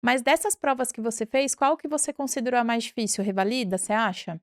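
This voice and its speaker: A woman hosting an interview, asking friendly questions and tagging her lines with quick confirmations. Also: on the high side, no echo, clean studio sound. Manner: friendly, prompting with frequent "né?" tags. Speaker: host and pediatrics teacher.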